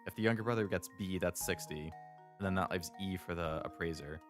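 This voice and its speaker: A man's voice: low-pitched, brisk. A man giving casual live commentary as he streams a video game. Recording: game music behind.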